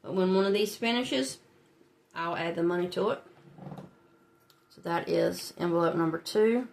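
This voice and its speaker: A woman speaks at normal speed in a lowish, gravelly voice. As a budgeting channel host with a stuffy head-cold nose, she talks casually to viewers as she fills in her savings challenges, laughing lightly along the way.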